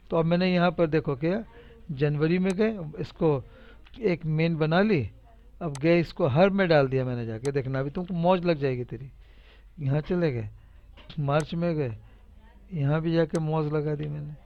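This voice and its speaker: A man with a slightly raised voice runs a casual spreadsheet tutorial, repeating each step aloud and cheering his students on with playful teasing. The sound is a little dull and lo-fi. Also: fairly high pitch. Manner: chatty, repetitive, teasing and encouraging. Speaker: computer teacher. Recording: dull lo-fi recording.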